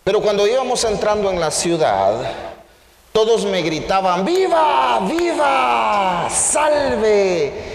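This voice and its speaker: A man's voice: high voice, lively intonation, normal speed. A man voicing a proud, boastful young male donkey in a told story, recorded in an echoey church hall with faint background noise.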